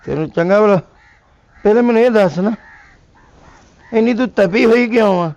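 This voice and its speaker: Punjabi man, high pitch, complaining lazy husband, lo-fi sound. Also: moderate pace, creaky, darkish tone, dry recording. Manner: whiny, complaining he is sick. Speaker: comic actor as a lazy husband. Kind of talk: Punjabi comedy sketch acting. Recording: dull lo-fi sound.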